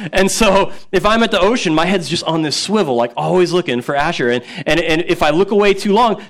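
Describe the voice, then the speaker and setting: Casual, animated preacher with higher pitch. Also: male voice. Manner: casual and conversational, acts out quotes; repeats words when emphatic. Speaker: pastor. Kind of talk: sermon.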